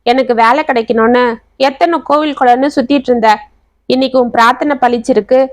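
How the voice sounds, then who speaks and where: A woman's voice: sits high, steady tone, a little fast, no echo, natural voice. Woman voicing an earnest anxious young man. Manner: earnest and pleading.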